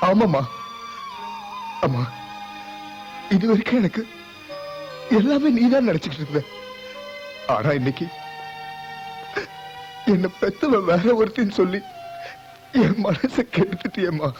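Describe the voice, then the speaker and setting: A bitter, hurt grown son, reproachful, his pitch moving a lot. The film track sounds dull and muffled. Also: expressive, a little slow, pauses often, darkish tone, soft background music. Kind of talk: dubbed film acting.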